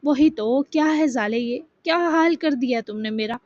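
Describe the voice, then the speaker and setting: A woman voicing an affectionate, teasing grown man, a romantic lead, in a soft, doting manner. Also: high-pitched, no echo, close to an everyday voice. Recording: dull dry lo-fi sound.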